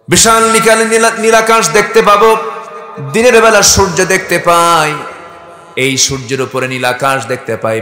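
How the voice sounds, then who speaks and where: A man's voice: medium pitch, a bit bright. A man with a Bangladeshi Bengali accent preaching at an outdoor gathering on a school field, firing questions at the crowd and leading them in chanted recitation. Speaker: Islamic preacher. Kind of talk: open-air sermon with chanted recitation. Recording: echoey open-air PA sound.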